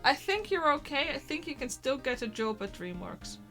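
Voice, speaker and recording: A woman's voice: high-pitched, sing-song, normal speed, bright, forceful tone. A woman co-streamer trading casual banter while playing a game, over faint music. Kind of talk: casual chat while gaming.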